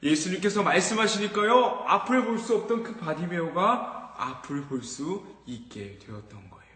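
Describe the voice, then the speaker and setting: A high-voiced man tells a story to children in an animated sermon, often stopping to ask them questions. His voice rings through a large, echoey hall with a long reverb tail. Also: moderate pace. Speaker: children's ministry teacher.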